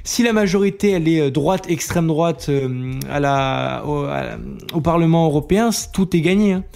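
A man's voice: on the high side, normal speed, vocal fry, a little mellow. A man in casual heated debate on a live show, stumbling over restarts and fillers. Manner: hesitant, many restarts and fillers. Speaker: guest on a live talk show.

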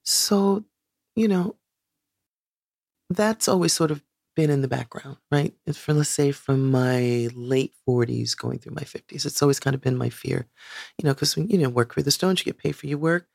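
A sixty-something singer being interviewed speaks at a moderate pace in a very deep, gravelly, darkish voice, reflecting and searching for words with many "you know"s. The recording is dry and of studio quality.

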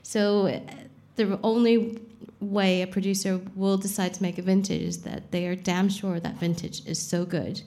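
A woman's voice: mid-range voice, steady tone, moderate pace, hardly any pauses, mellow. A young adult woman, a champagne expert guest on a live podcast, explaining frankly and casually, swearing now and then. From Saudi Arabia.

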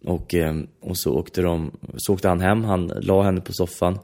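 A man's voice: low voice, fairly even intonation, a little mellow. A man in casual chat, telling long stories with many restarts and filler phrases.

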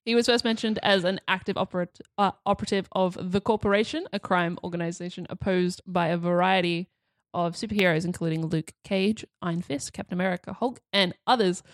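A woman's voice: on the low side, fairly even intonation, brisk, no room sound. A woman co-hosting a podcast, reading an article aloud in a casual chat while stifling laughter. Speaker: podcast co-host.

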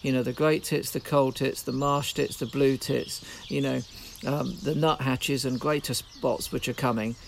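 Male guest, gravelly voice, casual and halting. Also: medium pitch, steady tone, a little hiss or hum. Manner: halting, repeats words. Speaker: guest birdwatcher. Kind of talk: casual chat.

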